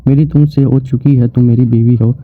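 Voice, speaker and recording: A man's voice: medium pitch, fairly even intonation, no echo, soft background music, lightly acted. A man voicing an angry, domineering young husband who makes threatening demands. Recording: tinny phone-like, dry sound.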